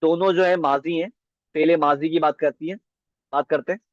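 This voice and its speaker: A man's voice: a little high, steady tone, no echo. A man teaching a beginner Arabic lesson, repeating each word and checking with his students as he goes. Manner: slow, repeats words and asks "ठीक है?". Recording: dull, dry lo-fi sound.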